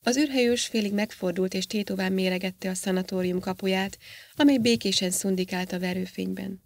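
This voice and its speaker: A woman reading an audiobook in a steady, measured storytelling manner. Her voice sits at a middle pitch and the recording is close and dry, with no room sound. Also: no room sound. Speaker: audiobook narrator. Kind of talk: scripted narration.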